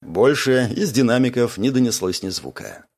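A man narrating an audiobook and voicing the characters in a lively way. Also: normal speed. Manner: lively, shifts pitch for characters.

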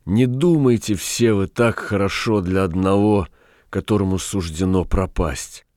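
A man reading a storybook voices a delirious prisoner condemned to die, speaking slowly and softly. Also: deep voice, no room sound, studio quality. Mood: sad. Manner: slow, dreamy and hushed. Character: condemned young man, feverish, delirious, tender.

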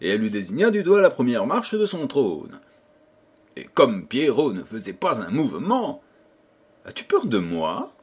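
Expressive male audiobook reader for a children's fairy tale; husky voice, lively melody, slightly higher pitch. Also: moderate pace. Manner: expressive, addressing listeners as children. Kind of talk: storybook narration for children.

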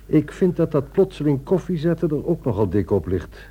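In a radio play, an actor voices a guarded, courteous husband, delivering lines in a measured, quietly firm, wry manner. His male voice is a little high, very animated, and husky.

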